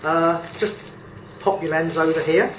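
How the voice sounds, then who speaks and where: This photography tutor, a chatty British man, runs a casual demonstration at a table indoors, his slightly high voice measured and fairly even in intonation. Good-humoured yet hesitant, he fills his speech with fillers. Captured by a camera mic a few feet off, the echoey room has faint ambience plus a little hiss or hum.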